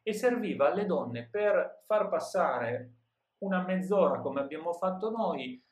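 A man's voice: a little high, lively intonation, measured pace, echoey room. A man teaching literature, reading an old tale aloud and then retelling each passage in everyday words, often adding a questioning "no?". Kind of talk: reading and paraphrasing a classic tale for a lesson.

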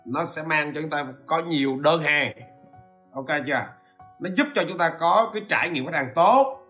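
A man's voice: a little high, lively intonation, normal speed, pushed and bright, faint music behind. A man hosts a podcast lesson, explaining step by step and often stopping to ask listeners if they follow. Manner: asks rhetorical questions and checks in with listeners. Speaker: podcast host teaching e-commerce. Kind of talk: informal spoken lecture.

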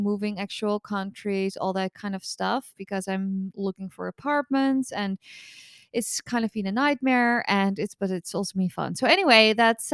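In a casual solo podcast, a woman in her thirties who works as a host and recovery coach chats in a nasal, mid-range voice that sounds smooth and dry. She rambles, often restarting and correcting herself. There's no room sound at all.

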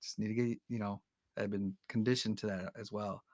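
A man's voice: on the low side, steady tone, a little fast, darkish tone, no echo, clean studio sound. A man who is a podcast guest, talking casually and candidly with lots of fillers and restarts. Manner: hesitant, many fillers and restarts; candid, opinionated. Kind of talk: casual interview conversation.

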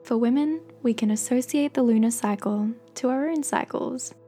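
Soft breathy woman guiding a meditation. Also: on the high side. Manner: gentle, slow, encouraging. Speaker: guided meditation host. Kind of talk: guided meditation, soothing scripted narration.

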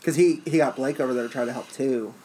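Man, casual talker, joking manner, mid pitch, light background noise. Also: quick pace, dark tone, poor audio. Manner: joking, chatty. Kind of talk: casual chat.

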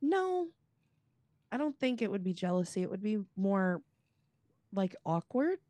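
A woman in her thirties answers candid questions in a giggly, slightly nervous way and pauses to collect herself. Her voice sits in a middle range and sounds close and dry, with no room around it. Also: mid-range voice, sing-song, mellow, no room sound. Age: 30s. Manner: giggly, a bit nervous, hesitant. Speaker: interview guest. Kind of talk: candid conversation.

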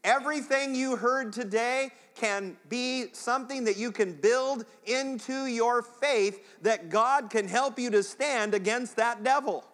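A man's voice: extremely high pitch, measured pace, few pauses, a bit bright, long reverb tail. A man preaching a sermon as pastor, chatting straight to the congregation in a conversational way.

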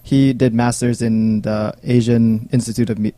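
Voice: medium pitch, little pitch movement, normal speed, warm tone. A radio guest from Vietnam and Thailand, telling stories hesitantly with many fillers. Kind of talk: casual radio chat.

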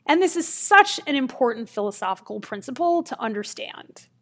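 A woman marketing speaker telling a fable in an animated, emphatic way before turning to a motivational talk. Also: fairly high pitch, normal speed. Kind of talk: storytelling, then a motivational talk.

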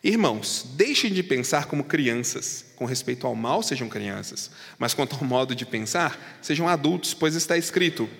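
A man's voice: a little high, in a large hall. A man preaching a sermon and explaining a passage, talking in a conversational way straight to his congregation. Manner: conversational, addresses the congregation directly. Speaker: pastor. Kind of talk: expository sermon.

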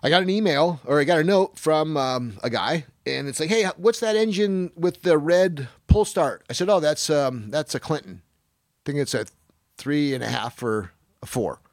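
A man's voice: mid-range voice, moderate pace, dry recording, studio quality. Rambling older man hosting a podcast. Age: 60s. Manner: rambling storyteller, swears freely, acts out quotes. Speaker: podcast host. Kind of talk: casual podcast chat.

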